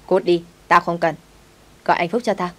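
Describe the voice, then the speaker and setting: A woman voicing a spoiled, sharp-tongued rich young woman who talks down to her servant, bossy and rude. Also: fairly low pitch, level tone, normal speed, lightly acted. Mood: scornful.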